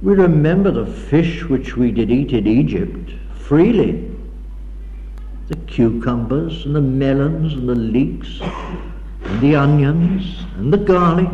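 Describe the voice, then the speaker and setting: A man's voice: a little high, big pitch swings, slow pace, dark tone, muffled recording. A man delivering an evening address in a hall, reading scripture aloud in a dramatic, declaiming way, heard on an old 1960s tape recording. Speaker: preacher. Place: lecture hall.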